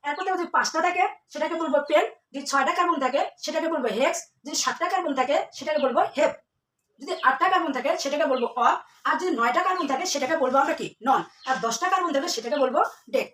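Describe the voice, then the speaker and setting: A woman teaches a chemistry lesson in class, posing questions to students, answering them herself and repeating key terms. Her high voice is very fast, pushed and bright, recorded from a distance in an echoey room.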